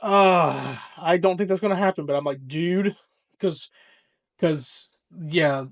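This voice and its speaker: A young man co-hosting a casual podcast, rambling excitably and swearing freely as he talks. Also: on the high side, slow pace, vocal fry, dry recording, clean studio sound. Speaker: podcast co-host. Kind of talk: casual chat.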